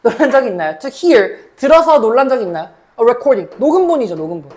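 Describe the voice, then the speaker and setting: A woman lecturing as a cram school English teacher, reading English sentences slowly, then explaining them in Korean and checking in with her students. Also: a little high, big pitch swings, darkish tone. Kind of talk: mock exam explanation lecture.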